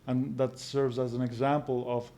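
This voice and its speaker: A man in his forties from Belgium, a podcast guest explaining his views in a calm, measured way. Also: medium pitch. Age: 40s. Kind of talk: casual podcast conversation.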